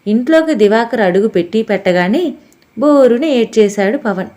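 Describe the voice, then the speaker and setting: Woman narrating a family story audiobook, kinda high voice, steady and expressive. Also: normal speed. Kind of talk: scripted narration.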